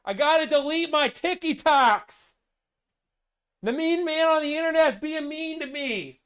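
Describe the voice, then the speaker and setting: A man putting on a flustered old man's voice, yelling shrilly and in a panic for his friend. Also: very high-pitched, measured pace, voice pushed up. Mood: panicked yelling.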